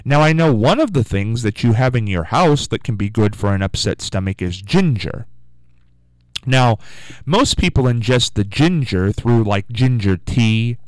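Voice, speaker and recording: Rambling casually into a studio microphone, a man running a morning radio call-in show muses aloud and keeps inviting listeners to phone in. He has a lowish voice, and the poor audio carries no echo.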